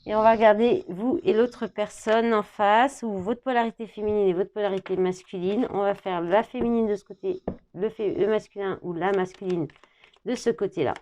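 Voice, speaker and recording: A woman giving a tarot reading to camera, thinking out loud as she reads the card words and dropping in small fillers. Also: medium pitch, steady tone, normal speed, highs cut off.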